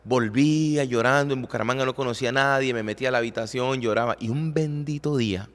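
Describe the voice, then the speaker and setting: A man's voice: mid-range voice, quick pace, fairly bright tone, in a large hall. Earnest man telling his testimony. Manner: earnest, emotional, repeats and restarts words. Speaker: podcast co-host, worship leader. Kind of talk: personal testimony storytelling. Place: recording studio.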